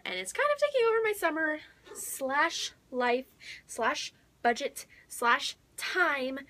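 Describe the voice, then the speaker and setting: Gushing and excitable, a young book vlogger chats casually with dramatic emphasis and whispery asides. Her voice sits high.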